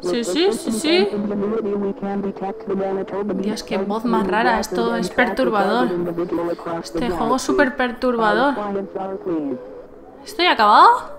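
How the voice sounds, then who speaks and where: A woman from commenting as she plays a video game, excitable, squealing and humming to herself. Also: on the high side, takes it slowly, long pauses, over a noisy crowd. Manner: excitable, squeals and shouts at surprises, hums to herself. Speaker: gameplay commentator. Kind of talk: gameplay commentary.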